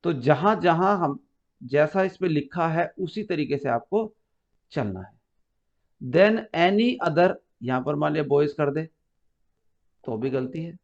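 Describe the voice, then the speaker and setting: A man with a voice on the high side teaches an English grammar lesson to a class, unhurriedly explaining each step and quizzing his students. The recording is muffled and lo-fi.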